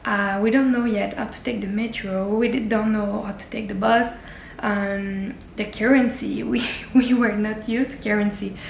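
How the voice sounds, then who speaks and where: A young woman whose first language is French talks earnestly in a casual personal travel vlog, often restarting sentences and using many fillers. Her medium-pitched voice is steady in tone with vocal fry and moderate pace. The audio is poor and roomy, with slight background noise.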